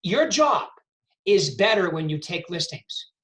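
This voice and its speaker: A man's voice: sits high, very animated, unhurried, a bit bright. A middle-aged man coaching a real estate team over a video call, punchy and repeating his points for emphasis. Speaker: sales coach.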